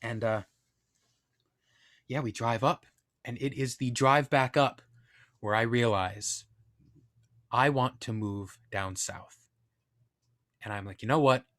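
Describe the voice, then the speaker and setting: A young man with an ordinary mid-range voice tells a personal story in a loose, casual way. He is candid and quick to poke fun at himself, drifting into side comments as he goes. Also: medium pitch, fairly even intonation, a bit bright. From Northeastern US. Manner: candid, self-deprecating, rambling with asides. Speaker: podcast storyteller.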